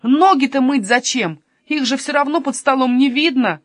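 A woman's voice: medium pitch, sing-song, normal speed, no room sound, studio quality. A woman doing a grumpy robber man. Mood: grumbling. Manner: grumbling, sulky. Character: grumpy stubborn male robber. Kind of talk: storybook reading.

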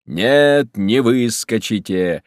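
A man voicing an obsessive, passionate man who speaks slowly and menacingly in an audiobook. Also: lively intonation, no echo, studio quality. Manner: low, slow, menacing, then pleading.

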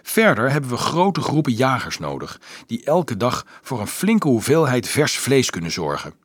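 Male narrator doing resolute teen boy leader; firm, husky. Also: medium pitch, sing-song, normal speed, no room sound, clean studio sound, pitched above the performer's own voice. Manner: firm, explaining, sometimes angry. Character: resolute teenage boy leader, practical planner.

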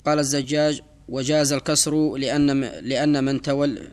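A man reading a classical Arabic text aloud for a teacher, reciting quickly and evenly with small slips. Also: medium pitch, flat delivery, a little mellow.

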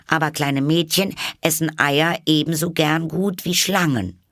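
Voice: medium pitch, a little slow, a bit bright, no echo, studio quality, voice pushed up, close to an everyday voice. A reader voicing a truthful little girl who protests earnestly and a little hesitantly, in a storybook reading.

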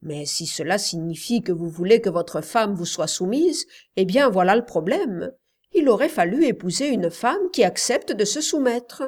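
A woman's voice: medium pitch, expressive, normal speed, a little mellow, close to an everyday voice. Woman reading an exasperated, lecturing man.

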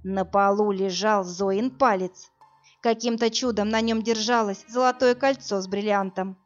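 A woman narrating a first-person thriller audiobook in a tense, steady way. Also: mid-range voice, measured pace, soft background music. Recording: dull lo-fi audio.

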